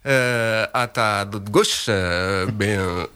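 A man hosting a panel interview, relaxed and affirming guests with frequent okays. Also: fairly low pitch, extremely slow, a little hiss or hum. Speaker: host.

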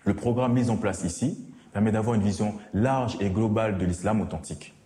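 A man's voice: fairly low pitch, warm tone, slight background noise. A man in his thirties from French Guiana, a theology student speaking earnestly in a documentary interview. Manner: earnest, measured. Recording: roomy echo.

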